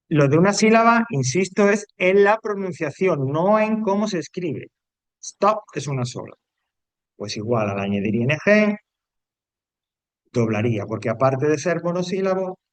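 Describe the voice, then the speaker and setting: A man's voice: a little high, dry recording. Male teacher, patient and repetitive, dry close sound. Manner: explains step by step, repeats rules, checks in with "¿vale?". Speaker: English teacher. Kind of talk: classroom grammar lesson.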